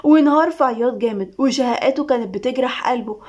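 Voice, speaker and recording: Fast-reading Egyptian woman storyteller. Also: high voice, a little mellow. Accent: Egyptian Arabic. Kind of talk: reading a serialized story aloud.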